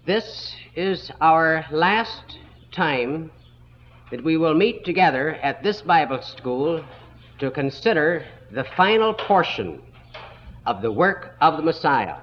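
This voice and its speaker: A man teaching a Bible school lesson in a slow, deliberate way, stopping to spell out words letter by letter, heard on an old 1960s tape recording. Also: on the high side, sing-song, lo-fi sound, a little hiss or hum.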